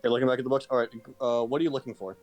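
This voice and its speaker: A man runs a tabletop game as game master, talking over an online call. His narration is halting, full of restarts and fillers, at an ordinary middle pitch. Soft music plays faintly underneath. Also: little pitch movement. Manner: hesitant, with many restarts.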